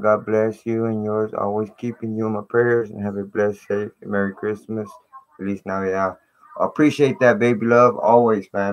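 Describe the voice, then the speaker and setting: Male live-streamer, lowish voice, slangy and informal, greeting his chat over fuzzy, distorted computer audio. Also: muffled recording. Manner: slangy, repeats "man" and "you know".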